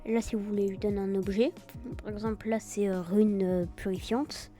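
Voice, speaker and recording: A woman giving a casual, improvised software tutorial in a hesitant way, with a French accent that turns English-like on some words. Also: mid-range voice, steady tone, normal speed, faint music behind. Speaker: tutorial video host.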